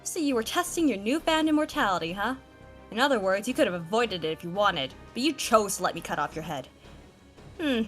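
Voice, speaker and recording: A woman's voice: medium pitch, animated, brisk, faint music behind, lightly acted. A woman voicing a bold young female swordswoman, wry and defiant, in a fan reading of a game story.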